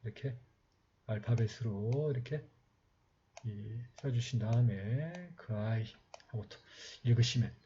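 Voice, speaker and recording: A man giving a slow, patient step-by-step writing lesson, talking while he writes, with many pauses. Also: mid-range voice, mellow. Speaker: calligraphy teacher. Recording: slightly dull lo-fi sound with faint noise.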